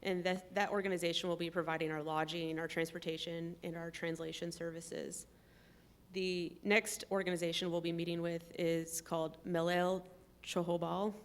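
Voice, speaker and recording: Woman laying out details steady and careful, lowish smooth voice, lots of ums. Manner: measured, explains step by step with frequent ums. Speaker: trip participant. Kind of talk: conversational explanation.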